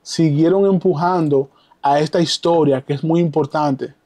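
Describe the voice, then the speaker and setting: An excitable man talking on a live stream from his home, his voice sitting a little on the high side. He comments eagerly, answers chat messages, and drops English exclamations into his speech. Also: moderate pace. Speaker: live streamer reacting to wrestling. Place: home, downstairs at night.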